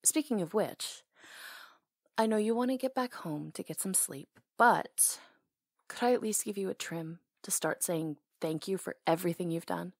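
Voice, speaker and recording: Speaking at normal speed in a lowish voice, a woman plays a hair stylist in intimate ASMR roleplay, casual, caring, and a bit teasing. It's recorded clean in a studio with no echo.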